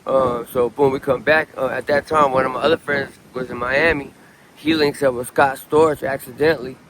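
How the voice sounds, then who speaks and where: This is a relaxed, rambling street interview with a late-thirties Southern Californian man telling his story on a city street. His medium-pitched voice moves at a moderate pace, peppered with ums and restarts, while faint outdoor street noise lingers.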